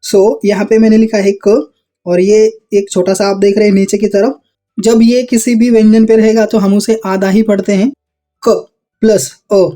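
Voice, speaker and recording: A teacher walking students through Hindi vowel signs, spelling out words one syllable at a time. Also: male voice, high voice, warm tone. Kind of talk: Hindi phonics lesson.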